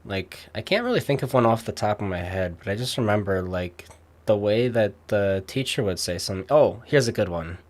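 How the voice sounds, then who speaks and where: Rambling low-voiced young man. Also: animated. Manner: rambling, many fillers and pauses. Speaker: streamer. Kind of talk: casual chat.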